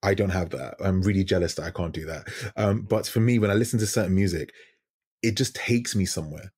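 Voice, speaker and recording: A man with a very deep, husky voice talks reflectively on a video call. He stops to restart and search for words, and the sound is dry and close with no room echo. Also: brisk, a little mellow. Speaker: guest DJ. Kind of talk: casual podcast interview. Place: home room with lit wall.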